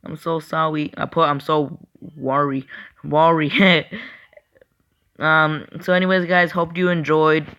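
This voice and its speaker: Bright excitable young guy commentating a game. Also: fairly high pitch, slow pace, smooth, highs cut off. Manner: chatty, excitable, apologetic, talks to viewers. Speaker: gaming channel host. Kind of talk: casual gameplay commentary.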